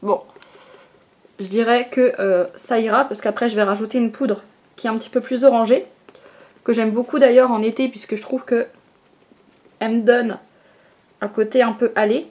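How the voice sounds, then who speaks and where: A woman's voice: on the high side, fairly even intonation, moderate pace, pauses often, darkish tone. A young woman talking casually through her makeup routine, explaining each step with fillers and little "hop" sounds. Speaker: beauty vlogger. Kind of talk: casual get-ready-with-me makeup tutorial.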